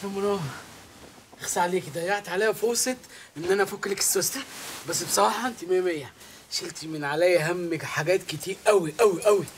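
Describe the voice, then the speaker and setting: A man's voice: sits high, quick pace, a little hiss or hum, lightly acted. An actor playing a nervous, whiny young husband who pleads with his grandmother in a film comedy. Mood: awkward tender.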